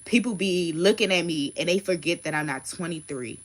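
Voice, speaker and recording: Brisk and low-voiced, a woman in her 30s gives a casual tarot reading on a livestream. Her delivery is blunt and emphatic, with frequent swearing.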